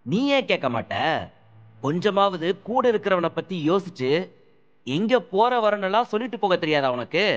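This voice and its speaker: An exasperated, scolding young friend. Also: male voice, high voice, muffled recording. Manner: loud, exasperated, rapid-fire scolding. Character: young man, hot-tempered, scolding but caring friend. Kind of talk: audiobook drama acting.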